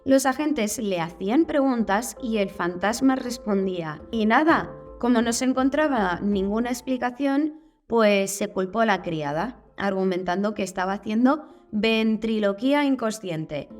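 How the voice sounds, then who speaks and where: A woman's voice: medium pitch, animated, measured pace, faint music behind. Chatty Spanish woman narrating, wry asides. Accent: Spain Spanish. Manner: casual, curious, with wry asides. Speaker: channel host.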